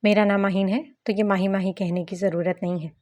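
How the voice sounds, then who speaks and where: A woman voicing a sharp-tongued, haughty young bride with a sarcastic manner. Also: medium pitch, level tone, a little fast, natural voice.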